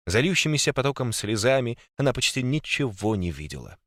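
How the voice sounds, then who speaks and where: A man's voice: mid-range voice, fairly quick, no echo, clean studio sound. A man narrating a first-person story expressively and voicing every character himself. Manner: expressive, voices all characters. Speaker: audiobook narrator.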